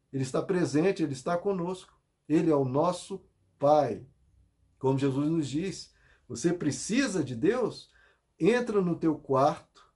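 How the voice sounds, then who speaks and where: A pastor delivers an earnest sermon in a fairly high voice for a man. He leans into scripture, drawing quoted verses out slowly and with weight. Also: darkish tone. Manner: earnest preaching with slow emphatic scripture quotes.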